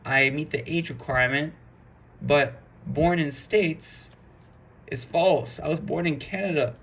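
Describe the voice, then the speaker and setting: A man's voice: a little high, unhurried, gravelly, a bit bright, breathy edge. A man giving a casual programming lesson, talking through code step by step in a chatty way. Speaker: programming instructor. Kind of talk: casual screen-recorded coding lesson.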